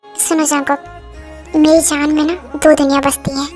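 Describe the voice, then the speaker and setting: A woman's voice: very high-pitched, animated, fast, a bit bright, soft background music. A woman voicing a proud young female mafia queen who is a wife, insistent and tender in turn, as a fan-dub actor. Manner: insistent, pleading then tender. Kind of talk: Hindi fan dub acting.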